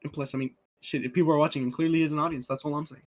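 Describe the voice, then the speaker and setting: A man's voice: fairly high pitch, fairly even intonation, racing. A man co-hosting a reaction chat, hesitant and restarting his sentences. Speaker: co-host.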